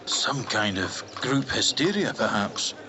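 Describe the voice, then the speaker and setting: Pompous, sceptical Doctor Watson. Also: male voice, mid-range voice, big pitch swings, takes it slowly, noisy background. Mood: suspicious. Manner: pompous, old-fashioned. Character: sceptical, pompous gentleman doctor, loyal companion. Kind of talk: radio drama acting. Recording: loud music bed.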